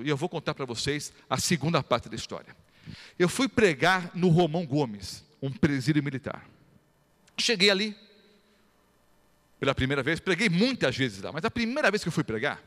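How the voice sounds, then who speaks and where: Lively pastor in a reverberant hall. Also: male voice, a little high. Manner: animated storytelling, acts out quoted voices. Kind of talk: sermon with testimony.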